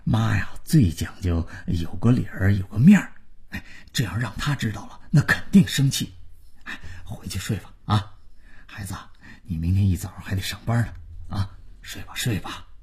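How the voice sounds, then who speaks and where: A man doing a soft-spoken family peacemaker. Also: lowish voice, expressive, moderate pace, husky, full character voice. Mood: coaxing. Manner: soft, coaxing, half-whispered. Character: soothing middle-aged family man, peacemaker.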